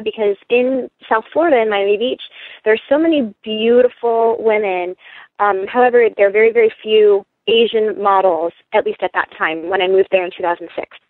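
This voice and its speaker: A woman's voice: medium pitch, no room sound. A woman in her late twenties, born in South Korea, answering interview questions over the phone in a friendly, composed way. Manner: friendly and composed, with frequent um fillers and light laughs. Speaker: guest, entrepreneur and pageant titleholder. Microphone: telephone. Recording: tinny phone line.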